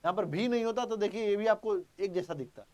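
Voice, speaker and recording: Male exam-prep tutor, high voice, drills points with repetition and quick questions. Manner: emphatic, repeats key points, quizzes students. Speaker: teacher. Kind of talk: exam-prep grammar lesson.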